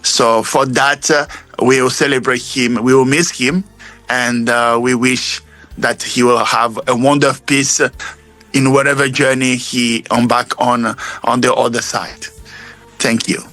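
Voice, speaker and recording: A middle-aged man giving a halting spoken tribute at a memorial, full of fillers and restarts. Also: medium pitch, fairly even intonation, pushed and bright, faint music behind. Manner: hesitant, many fillers and restarts. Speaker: memorial speaker, math professor.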